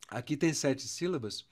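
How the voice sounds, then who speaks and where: A music teacher with a Brazilian Portuguese accent and a slightly high, slightly rough voice gives a songwriting lesson. He counts syllables out loud and stretches words as he goes.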